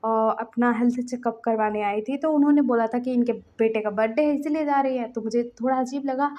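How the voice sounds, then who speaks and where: A woman's voice: fairly high pitch, fairly quick, mellow. A woman casually retelling a fan fiction story aloud, voicing the characters' lines as she goes. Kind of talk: casual storytelling with voiced dialogue.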